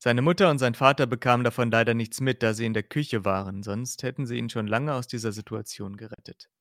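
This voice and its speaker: A man's voice: mid-range voice, brisk, dry recording, clean studio sound. Man reading a novel aloud. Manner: plain, steady reading with slips. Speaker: podcast host.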